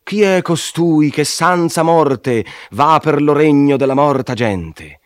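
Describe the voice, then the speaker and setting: A man's voice: lowish voice, steady tone, slow pace, a little mellow, no room sound, studio quality. A man voicing a crowd of scornful demons guarding the gates of hell, in an indignant raised voice, in a dramatic poetry reading.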